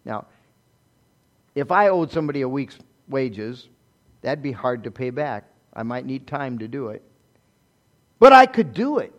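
A man preaching a sermon in a conversational way, asking rhetorical questions and moving between loud emphasis and soft, low asides. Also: sing-song, measured pace, long pauses, highs cut off. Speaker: pastor.

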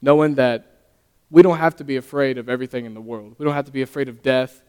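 A young man giving his first sermon as a lay preacher, earnest and halting, often stumbling and restarting his sentences. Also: medium pitch, steady tone, a little mellow, smooth. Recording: long reverb of a hall.

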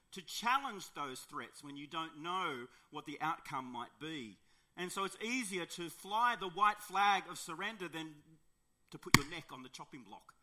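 An Australian man preaching to his congregation, telling stories in an easy conversational way. His voice is very bright and sits a little high for a man. He drops to quiet emphasis and asks the listeners questions. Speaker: pastor. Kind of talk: sermon with opening prayer and personal story.

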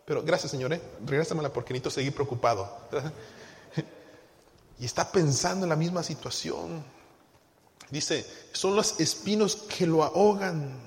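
Male pastor, high voice, long church reverb, call-and-response preaching. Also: normal speed. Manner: call-and-response questions to the congregation; swings from hushed to loud emphasis. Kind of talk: sermon. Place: church sanctuary.

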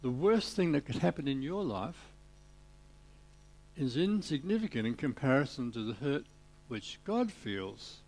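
A man preaching a sermon, retelling a parable with animated storytelling and little voiced parts for the characters. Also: mid-range voice, measured pace.

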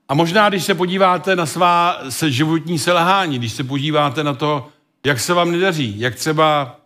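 A man delivering a sermon in a mid-range voice, reading scripture and then expounding on it. He speaks in a measured, halting way, pausing often to gather his words, and coughs now and then. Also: medium pitch, fairly bright tone. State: occasional cough. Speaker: preacher.

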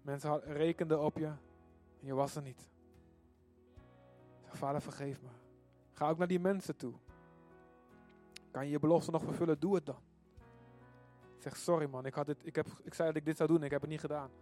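A man preaching a sermon and leading a congregation in prayer, urgent and fervent, swinging from loud pleas to near whispers. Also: on the high side, steady tone, moderate pace, pauses often, faint music behind. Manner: urgent, rising to fervent shouted prayer then dropping to murmurs. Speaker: pastor.

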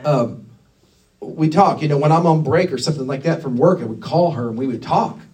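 High-voiced preacher, distant mic. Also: male voice, brisk, a little mellow. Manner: conversational, emphatic, frequent restarts. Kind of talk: sermon.

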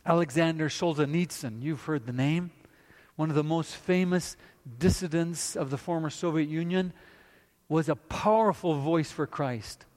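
A man preaching a sermon, repeating phrases and moving between emphatic bursts and low, quiet passages. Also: moderate pace. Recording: long reverb in a large hall.

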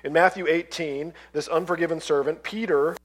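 A man's voice: fairly high pitch, steady tone, normal speed. A male pastor preaching a sermon in a conversational way, retelling parables and acting out the voices of the characters. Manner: conversational, acts out voices in stories.

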